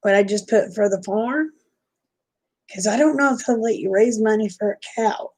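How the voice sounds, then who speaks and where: An American woman rambles casually in a folksy, homey way full of endearments, as if talking to livestream viewers. Sleep-deprived, she's unfocused and slow to follow, and her medium-pitched voice is husky and a little mellow.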